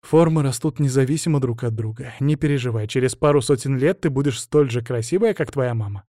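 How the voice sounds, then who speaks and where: A man voicing a composed older abbess who speaks in an even, measured way. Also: mid-range voice, no room sound, studio quality, natural voice. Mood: reassuring.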